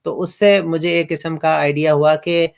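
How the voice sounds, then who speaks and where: Flat-voiced man recalling his past. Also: on the high side, gravelly, clear, resonant tone. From Pakistan. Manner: hesitant, many pauses and fillers. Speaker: convert telling his story. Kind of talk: reflective personal testimony.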